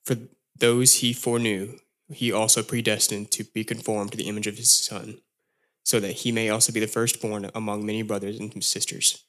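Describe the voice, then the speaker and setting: A man reading scripture aloud in a slow, measured, even way. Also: fairly low pitch. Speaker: scripture reader.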